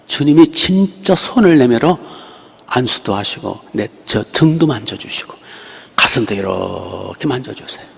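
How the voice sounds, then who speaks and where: Male pastor, sermon, emotional, gravelly voice, long church reverb. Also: medium pitch, expressive, measured pace. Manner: emotional, dramatic preaching with sudden loud outbursts. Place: church sanctuary.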